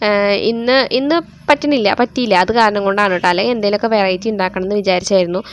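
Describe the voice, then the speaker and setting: With a mid-range voice and rapid-fire delivery, a young Kerala woman and mother chats through a voice-over of her family's day, frequently adding "you know." There's a little hiss or hum, and she's indoors near a road with traffic going by.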